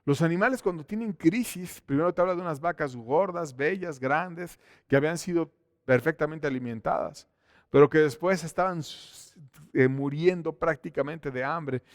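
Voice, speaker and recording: A man preaching a sermon in church, swinging between loud exclamations and hushed, intimate asides. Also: a little high, normal speed, no room sound, clean studio sound. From Mexico. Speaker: pastor.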